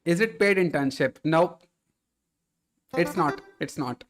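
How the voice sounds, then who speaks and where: A man hosting a casual live stream, reading viewer chat aloud and answering in a relaxed way, often calling people "bro". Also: on the high side, slow pace, soft background music.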